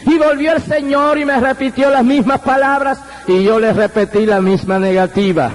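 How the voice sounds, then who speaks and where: A man's voice: very high voice, fairly even intonation, moderate pace, low-quality recording. A man from Puerto Rico preaching a fervent sermon, telling his testimony with exclamations of praise at a convention. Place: convention hall.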